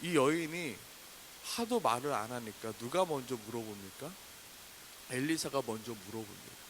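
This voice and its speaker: A man in his thirties preaching a sermon, animated and acting out complaining prayers in a raised voice. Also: medium pitch, normal speed. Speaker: pastor. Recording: faint hiss.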